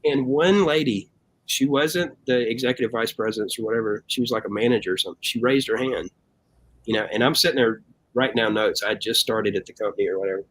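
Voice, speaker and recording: A man's voice: fairly low pitch, fast, rough recording. A man telling stories in a casual interview, acting out quoted voices and often saying "man". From United States. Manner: animated storyteller, acts out quotes, says "man" often. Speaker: band member guest.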